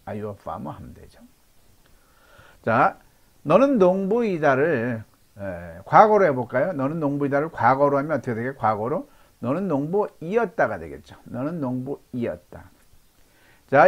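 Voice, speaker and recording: A husky-voiced male teacher with a lively, swinging pitch. He runs a lecture-style lesson and poses questions that he answers himself. He repeats each model sentence slowly, drill by drill, for the class to echo back. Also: lo-fi sound. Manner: repeats example sentences slowly for learners to copy. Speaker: English teacher.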